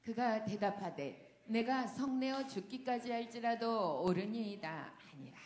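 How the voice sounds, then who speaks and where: A woman reading scripture aloud in a slow, measured recitation. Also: on the high side, lively intonation, a little mellow. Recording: echoey room.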